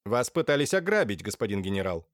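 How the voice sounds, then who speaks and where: A man's voice: on the low side, very animated, quick pace, dry recording, studio quality. A man voicing an experienced, composed police inspector who reports in a clipped, businesslike way. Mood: matter-of-fact.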